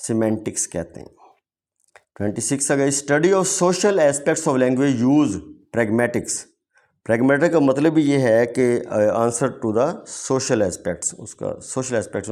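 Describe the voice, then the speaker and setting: A male teacher taking his students through exam questions, one at a time. He reads each question out slowly, then hurries through a plain explanation. His voice sits at an ordinary middle pitch. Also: warm tone. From Pakistan. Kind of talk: exam-prep lecture.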